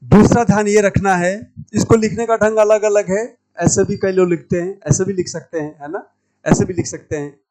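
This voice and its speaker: A man teaching Hindi grammar at a board, speaking in a fairly high voice. He slows down to say key sounds over and over, stressing each one for his students. The sound is close and dry, with no room echo. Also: fairly even intonation, darkish tone. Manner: repeats key words slowly, stressing pronunciation. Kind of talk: classroom lecture at a whiteboard.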